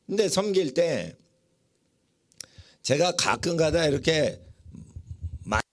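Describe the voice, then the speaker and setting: A man's voice: on the high side, very animated, takes it slowly. A male pastor giving a sermon in a church, emphatic, often asking the congregation questions and answering them himself. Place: church sanctuary.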